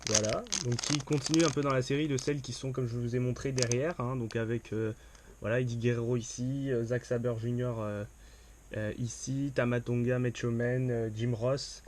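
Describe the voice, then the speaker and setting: A man's voice: mid-range voice, fairly even intonation, moderate pace, background noise. A man doing casual unboxing commentary to a camera, chatty and upbeat, with lots of fillers and restarts. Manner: upbeat enthusiasm. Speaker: unboxing vlogger.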